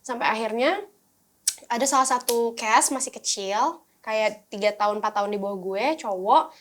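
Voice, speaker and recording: A young woman, an actress guest on a podcast, telling a story in lively casual chat. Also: a little high, moderate pace. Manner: lively storytelling, acting out quoted voices.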